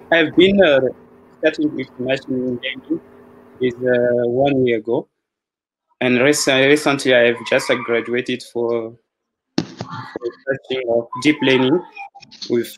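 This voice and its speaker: Man, hesitant, searching for words, middle pitch, faint clicks. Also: a little hiss or hum, rough recording. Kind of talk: casual video call introduction.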